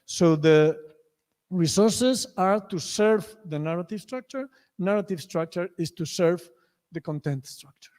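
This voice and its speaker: High-voiced Spanish-accented man in a reverberant hall. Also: unhurried. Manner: many restarts, acts out story lines loudly. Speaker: lecturer. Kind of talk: conference lecture. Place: lecture hall.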